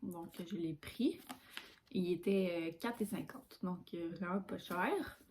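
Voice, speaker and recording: A woman's voice: lowish voice, takes it slowly, a little mellow, a little hiss or hum. A young woman with a Québécois French accent, chatting casually and informally about books as a book vlogger. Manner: chatty and informal, with colloquial phrasing.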